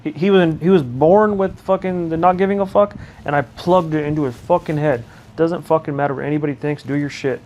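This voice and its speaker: Brash, fast-talking man. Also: fairly high pitch, darkish tone, a little hiss or hum. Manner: brash, profane, quick-talking. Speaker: podcast co-host. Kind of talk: casual chat.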